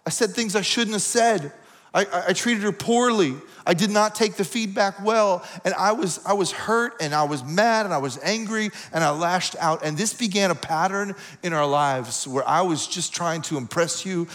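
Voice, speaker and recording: Man preaching a confessional sermon in a reverberant hall. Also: medium pitch. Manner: conversational, confessional storytelling with audience asides. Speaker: pastor.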